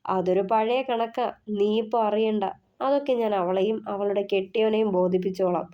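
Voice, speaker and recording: A woman reading the part of a smug, menacing young male senior student, with a slow, smirking, teasing manner. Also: mid-range voice, steady tone, dull audio, natural voice.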